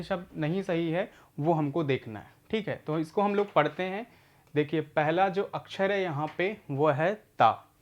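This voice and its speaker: A man teaching adult literacy, explaining each step slowly and patiently and checking in after each point. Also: fairly high pitch.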